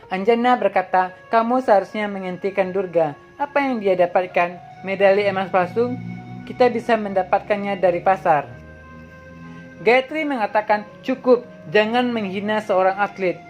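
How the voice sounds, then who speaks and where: A woman reading a drama plot synopsis aloud as a channel host, in a plain even way that sometimes stumbles and restarts words. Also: mid-range voice. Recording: dull lo-fi audio with faint background music.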